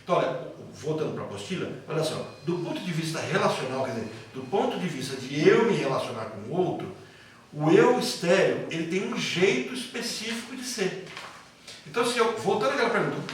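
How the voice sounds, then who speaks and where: Heard from far off in a roomy, echoing hall with noisy surroundings, this slightly high-voiced Brazilian man teaches psychoanalysis, his light accent marking him as from the São Paulo interior. He lectures conversationally, telling anecdotes and going over the same points again.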